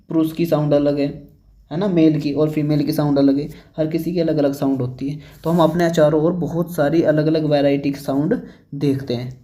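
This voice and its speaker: A man's voice: on the high side, dark tone. A man teaching a science lesson in a casual classroom style, often checking in with the listener and asking and answering his own questions. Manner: checks in constantly with ठीक है and भाई, asks and answers own questions.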